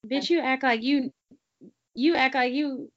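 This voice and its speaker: A woman's voice: high voice, fairly even intonation, measured pace, a little hiss or hum. A young woman hosting a casual podcast, brash and profane, teasing her co-host. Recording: dull lo-fi audio.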